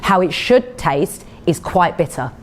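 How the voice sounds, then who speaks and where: Essex woman w a bit of cockney, chatty health talk q&a, lowish voice, bit of background noise. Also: lively intonation, a little slow. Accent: Essex, Cockney-tinged. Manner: chatty, explanatory, informal. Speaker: naturopath giving a health talk. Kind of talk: informal talk with audience questions.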